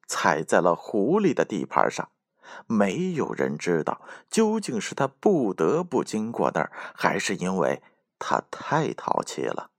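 A man reading a children's picture book aloud as a storyteller, slow and expressive. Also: lowish voice, no room sound, studio quality.

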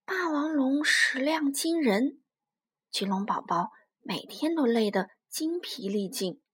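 A woman telling a children's story in an expressive, lively way. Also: high-pitched, slow pace, breathy edge.

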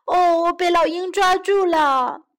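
A woman's voice: very high-pitched, huge pitch swings, slow pace, pushed and bright, pitched above the performer's own voice, heavily acted. A woman voicing a carefree, selfish frog who whoops and plays in a children's storybook. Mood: panicked crying. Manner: boisterous, whooping. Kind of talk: bilingual children's storybook reading.

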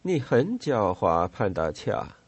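A man's voice: on the low side, sing-song, slow, breathy edge, dry recording, heavily acted. A man doing a blunt, skeptical sergeant.

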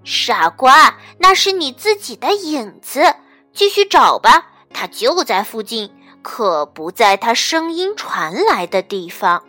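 A woman's voice: on the high side, very animated, takes it slowly, bright, forceful tone, soft background music, heavily acted. A woman voicing a cheerful, playful female elephant in a storybook reading, teasing and a little bossy.

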